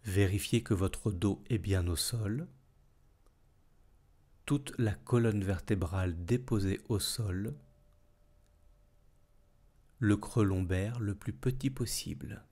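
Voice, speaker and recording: Leading a yoga nidra session, a male instructor speaks in a lowish, slightly rough voice. He stays calm and soothing throughout, delivering measured phrases with long pauses between them.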